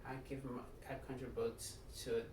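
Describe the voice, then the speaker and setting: A middle-aged man with a Nigerian accent giving a prepared self-introduction speech as a student, earnest and deliberate, speaking in short phrases. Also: mid-range voice, little pitch movement. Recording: echoey room, distant mic, background noise.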